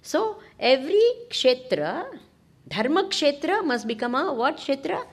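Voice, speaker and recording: A woman with a South Indian accent giving an informal scripture discourse as a spiritual teacher, animated and often prompting her listeners with questions. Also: high-pitched, a little slow. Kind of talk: informal scripture discourse to a class, with Sanskrit verses.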